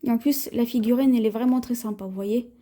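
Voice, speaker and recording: A woman with a French accent, chatting slowly through a haul video at home, showing her purchases with many pauses and fillers. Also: fairly high pitch, fairly even intonation, mellow. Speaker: haul vlogger. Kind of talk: casual haul video, showing items to camera.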